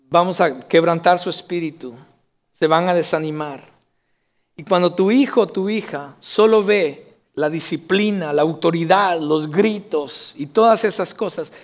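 A man preaching a sermon as pastor, earnestly addressing his congregation directly. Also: high voice.

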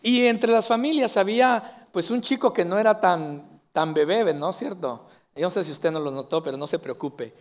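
Man, pastor, high-pitched, earnest preaching, emphatic build-ups. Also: normal speed, few pauses. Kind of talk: sermon.

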